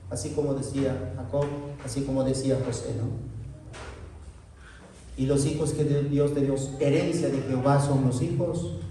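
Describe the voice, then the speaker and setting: A man's voice: medium pitch, steady tone, normal speed, warm tone, distant mic, slight background noise. A man preaching a sermon as pastor, with fervent emotional delivery that climbs sharply at its peaks. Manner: emotional preaching, voice rising sharply in the cries of the quoted lament. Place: large echoey church hall. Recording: very echoey hall, voice heard from afar.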